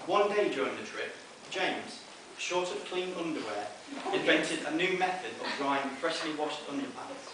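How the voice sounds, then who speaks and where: A man's voice: a little high, lively intonation, moderate pace, hardly any pauses. Echoey best man's wedding speech. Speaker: best man. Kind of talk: wedding speech, read from notes. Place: inside a wedding venue, speaking to guests. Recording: roomy echoing, noisy, distant event recording.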